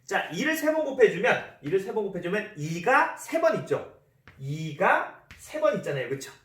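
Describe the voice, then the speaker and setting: A man's voice: high voice, big pitch swings, normal speed, fairly bright tone. A man teaching a math lesson in a classroom, repeating key terms and asking the class questions. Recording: roomy echo, voice from a distance.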